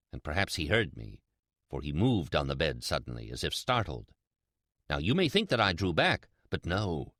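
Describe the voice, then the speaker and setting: Man acting a deep-voiced, gloating madman. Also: fairly bright tone, no room sound, studio quality, full character voice. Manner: theatrical, deliberate, drawn-out emphatic repetitions. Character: mad, gloating, sly male murderer confessing his crime. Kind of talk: dramatic Gothic horror story reading.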